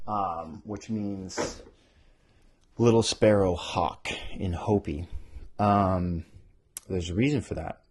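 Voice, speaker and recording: Man, lowish pitch, rough husky tone, animated, self-interrupting, casual author podcast chat. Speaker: author hosting a podcast about their own book. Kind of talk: casual rambling talk with bits read aloud.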